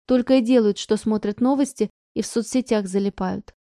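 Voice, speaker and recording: A woman's voice: mid-range voice, a little fast, dry recording, studio quality, lightly acted. A woman voicing a sullen, defiant teenage new girl who grumbles and snaps back, in an audiobook. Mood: grumbling. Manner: grumbling, sharp retorts.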